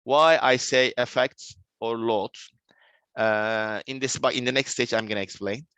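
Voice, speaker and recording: Male university lecturer, Turkish accent, mid-pitched, unhurried and halting, restates key terms for students. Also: a bit bright, clear, resonant tone, no room sound. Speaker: civil engineering lecturer.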